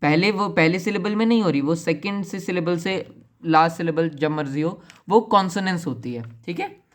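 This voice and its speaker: A chatty male teacher explains literary devices in a relaxed, joking way, switching between Hindi and English as he talks. When he reads out his English examples he slows right down and sounds out every word. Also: sits high.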